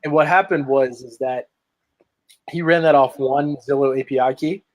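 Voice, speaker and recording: A man's voice: medium pitch, fairly even intonation, moderate pace. A man telling a story in casual chat on a video call, tagging his sentences with "right?". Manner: rambling storytelling, tags lines with "right?". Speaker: podcast guest, marketer.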